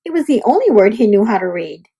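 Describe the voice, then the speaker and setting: A woman reading a children's picture book aloud as a storyteller, with deliberate, expressive narration for young listeners. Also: medium pitch, breathy edge.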